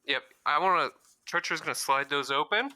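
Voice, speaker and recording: A man's voice: fairly high pitch, a little fast, bright, forceful tone, no room sound, studio quality. A man playing in a tabletop game, asking questions about the scene before his character acts. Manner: questioning, checking details before acting. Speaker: player. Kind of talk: casual tabletop play.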